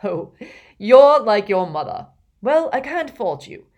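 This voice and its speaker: A woman voicing a jovial, portly older male potions teacher with a hearty, booming manner. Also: sing-song, slow pace, darkish tone.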